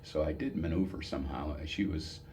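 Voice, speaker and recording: An elderly American man in his seventies, an old veteran remembering his service days, telling stories off the cuff in a halting, reminiscing way with pauses and repeated words. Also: a bass voice, a little mellow, slight background noise. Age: 70s. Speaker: military veteran giving an oral history. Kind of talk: old veteran remembering, unscripted personal storytelling.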